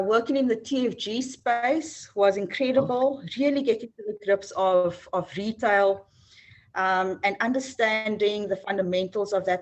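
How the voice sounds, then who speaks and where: South african lady talking through her career in an interview, earnest and hesitant, average pitch. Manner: warm, earnest, with frequent ums and restarts. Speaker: HR executive, guest. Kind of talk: interview answers.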